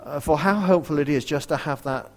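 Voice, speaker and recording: A man preaching a sermon in an earnest way, asking his listeners direct questions and dropping to a hush for quoted verses. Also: on the high side, fairly quick. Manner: varies loudness widely, dropping to a near whisper for quoted verses.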